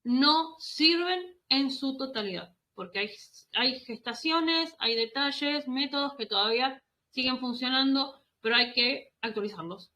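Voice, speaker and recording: A woman's voice: high voice, unhurried, hardly any pauses, pushed and bright. A woman with a Rioplatense Spanish accent hosting a casual parenting conversation, chatty and rambling, laughing often.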